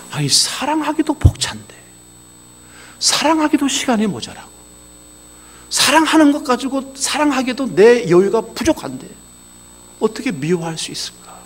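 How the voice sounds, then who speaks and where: A man delivers a sermon in a high, bright-pitched voice that leaps up and down as he tells stories. His tone is chatty and folksy. He drops into low, confiding asides, then rises into excited exclamations. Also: a little hiss or hum. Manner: animated storytelling, swinging between low asides and raised exclamations; conversational, folksy. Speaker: pastor.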